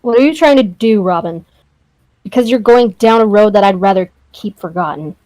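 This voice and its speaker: A woman's voice: medium pitch, animated, normal speed, warm tone, no echo, lightly acted, poor audio. A woman voicing a bitter young male musician in a story game, with clipped, dismissive lines. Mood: cold. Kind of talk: reading a story game aloud.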